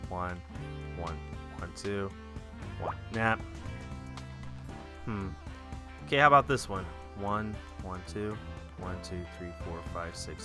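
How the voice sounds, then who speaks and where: A man giving casual live commentary on a game stream, thinking aloud and muttering as he works. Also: deep voice. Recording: loud game music behind.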